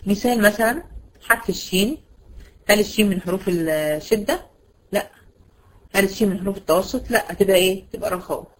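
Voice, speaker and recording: This Quran recitation teacher, speaking with an Egyptian Arabic accent in a mid-range voice, runs a brisk tajweed lesson with poor audio. She asks her students questions and supplies the answers herself, slowing down to draw out example words.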